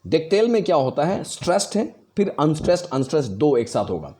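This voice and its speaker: A man's voice: on the high side, sing-song, fast, dark tone. A man teaching a lesson on poetic meter, explaining patiently and stressing words to demonstrate them. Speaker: English teacher.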